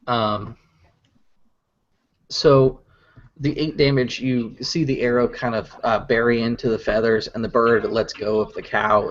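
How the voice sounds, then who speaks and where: A man narrating as game master of a tabletop game, pausing often with fillers. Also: medium pitch. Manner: hesitant, many fillers. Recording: dull lo-fi recording.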